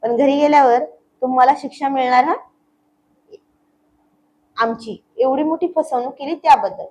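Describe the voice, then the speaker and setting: A woman's voice: sits high, moderate pace, darkish tone, pitched above the performer's own voice, rough recording. A woman voicing a young husband in a spoken story, scolding his wife playfully and with affection. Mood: teasing. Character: young husband, teasing and lovestruck.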